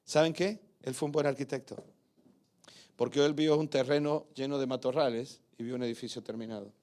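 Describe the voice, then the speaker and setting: An older man, a pastor, preaching a sermon in a church through animated storytelling that swells to loud emphasis. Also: mid-range voice, a little fast.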